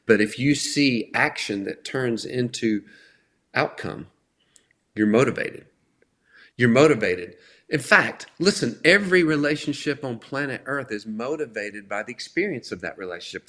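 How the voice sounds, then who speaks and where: A middle-aged man giving an earnest, conversational talk on faith, slowing down to stress key words. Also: mid-range voice, pushed and bright. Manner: earnest, emphatic, often slows for stress. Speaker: faith speaker.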